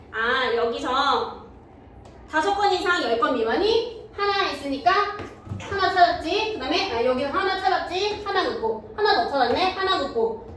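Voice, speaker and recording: A woman with a high voice teaches middle school math to a class, pausing again and again to ask if the students understand. Her voice rings in a very echoey classroom. The mic sits some distance away, with a faint noise underneath. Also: a bit bright. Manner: checks understanding with quick questions to students. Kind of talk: classroom lecture.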